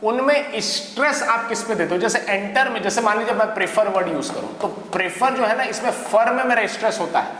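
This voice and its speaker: A man's voice: high-pitched, brisk, few pauses, a bit bright. A man with an Indian English accent giving a grammar lesson, explaining step by step and checking in with his listeners. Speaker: English teacher. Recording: echoey hall, faint background ambience.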